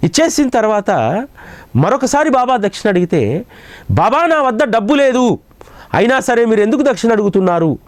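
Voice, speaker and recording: A man giving a devotional storytelling talk as a spiritual speaker, slowing down and rising in pitch when he quotes others. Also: a little mellow, dry recording.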